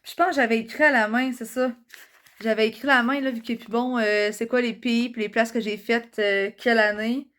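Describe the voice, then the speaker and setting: A woman with a Québécois French accent chats casually to her vlog audience. Her voice sits a touch high, and she talks in a loose, slangy way full of little fillers. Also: steady tone, a little fast, fairly bright tone. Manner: chatty, fillers and slang, reading old cards aloud. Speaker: vlogger. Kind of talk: casual nostalgic vlog chat.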